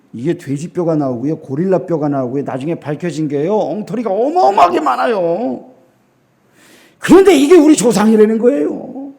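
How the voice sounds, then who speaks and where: A middle-aged man preaching a sermon as a pastor in a church, emphatic, with rhetorical questions to the congregation and sudden drops to a quiet voice. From South Korea. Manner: swings between loud emphasis and low, quiet lines.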